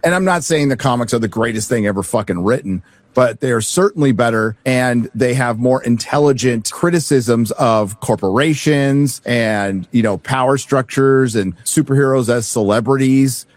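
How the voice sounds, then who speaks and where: A man's voice: mid-range voice, moderate pace, dry recording. A man talking bluntly and swearing freely in casual podcast chat.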